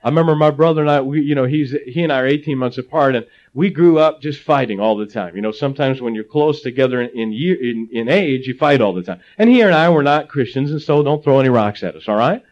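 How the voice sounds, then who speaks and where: This middle-aged Ohio pastor has a mid-range voice and talks fast with few pauses, telling animated stories and slipping in jokes as he preaches. The recording is slightly dull, lo-fi audio.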